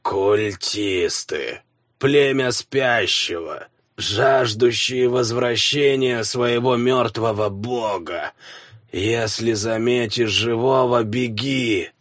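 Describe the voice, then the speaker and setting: Man doing a dying old warlock, village elder, husky breathy voice, slow wheezing delivery, dry close sound. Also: medium pitch, a bit bright, no echo. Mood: weak, dying. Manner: slow wheezing strained speech. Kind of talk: audiobook character voice.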